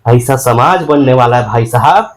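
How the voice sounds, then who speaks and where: A man's voice: medium pitch, normal speed, voice pushed down, lightly acted. A man playing an ignorant, boastful political devotee in a satirical comic monologue, speaking rustic broken with an indignant, mocking manner.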